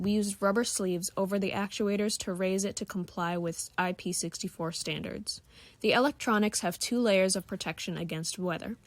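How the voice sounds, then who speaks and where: A woman's voice: mid-range voice, no echo. A young adult woman reading a scripted technical narration as a student presenter.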